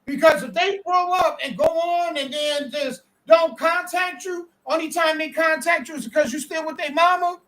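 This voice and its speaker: High-voiced woman hosting a podcast. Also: steady tone, normal speed, few pauses, fairly bright tone. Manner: emphatic, talks straight to listeners. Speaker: podcast host. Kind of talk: casual podcast chat.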